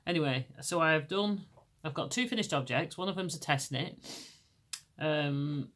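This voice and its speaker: A middle-aged woman from England hosts a podcast, chatting casually in her Lancashire accent at a moderate pace with a fairly bright tone. Her voice, deep by nature, is still hoarse from laryngitis, and she rambles and restarts often.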